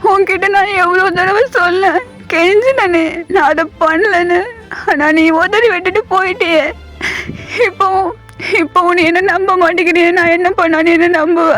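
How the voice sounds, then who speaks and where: A woman's voice: very high-pitched, brisk, darkish tone, faint music behind. A woman voicing a heartbroken young man who cries and pleads, repeating himself through tears, in a storybook reading. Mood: tearful pleading. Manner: tearful, pleading, repeats phrases. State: crying.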